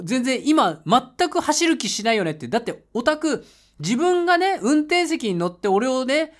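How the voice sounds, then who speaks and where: Lively laughing man telling a travel story. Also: very high voice. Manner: lively, laughs often, bursts into loud English shouts when reenacting. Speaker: podcast host. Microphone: home mic voice message.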